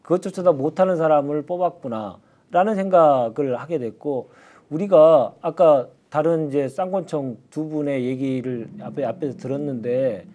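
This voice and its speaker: A man, a party spokesman on a political talk show, speaking in a measured, thoughtful way with hesitant fillers. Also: a little high, warm tone.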